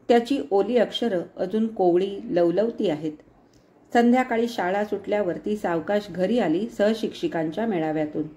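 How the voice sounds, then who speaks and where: A woman reading a novel aloud in a measured, expressive storytelling style with reflective pauses. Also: medium pitch. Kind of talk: storytelling narration.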